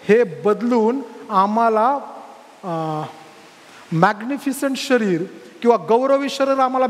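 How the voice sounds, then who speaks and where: Pastor preaching fervently, really high voice, echoing church hall. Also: male voice. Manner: fervent preaching that climbs to loud calls. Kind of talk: sermon.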